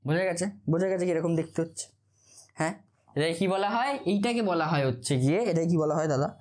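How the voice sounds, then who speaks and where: A man's voice: a little high, fast, darkish tone. Man repeating questions in a lecture. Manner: asks the same question again and again, then answers it himself; stumbles over technical terms and jokes about it. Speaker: physics tutor. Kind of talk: informal classroom lecture.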